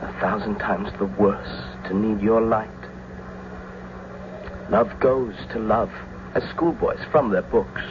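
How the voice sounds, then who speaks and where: A man's voice: on the low side, slow, noisy background. An actor playing Romeo, an ardent young nobleman in love, with romantic, declamatory radio drama delivery. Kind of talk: classical stage-style radio drama acting. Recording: muffled old radio recording with music.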